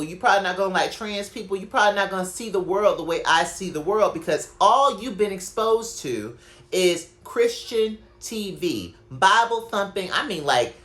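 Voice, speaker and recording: A woman's voice: medium pitch, a bit bright. A woman hosting her own podcast, ranting casually and profanely in a solo, digressive monologue. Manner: conversational, digressive. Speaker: podcast host.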